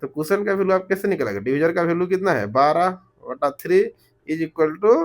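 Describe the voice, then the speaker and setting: A man teaching math, going step by step, slow and repetitive, always asking the class rhetorical questions. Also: on the high side, lively intonation. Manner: switches between Hindi and English terms. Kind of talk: explaining math problems step by step.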